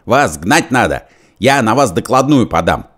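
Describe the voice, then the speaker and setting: A man's voice: low-pitched, expressive, moderate pace. A man voicing a fat, fussy official who shrieks with outrage. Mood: outraged. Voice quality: shrieking, indignant.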